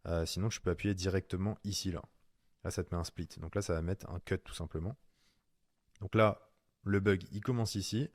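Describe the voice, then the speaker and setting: A man's voice: sits low, steady tone, moderate pace, no room sound, clean studio sound. A man giving a casual screen-recorded tutorial in French, chatty and slangy, talking straight to the viewer as "tu". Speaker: online course instructor.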